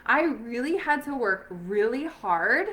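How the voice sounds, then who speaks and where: A woman's voice: on the high side, animated, takes it slowly, fairly bright tone. A woman talking casually and upbeat from home as a sales rep, with many fillers and restarts. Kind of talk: casual recruiting chat.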